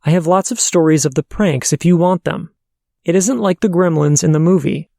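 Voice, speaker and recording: A man hosting a paranormal podcast, reading listener letters aloud in a steady, measured way. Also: a little high, vocal fry, dry recording, studio quality.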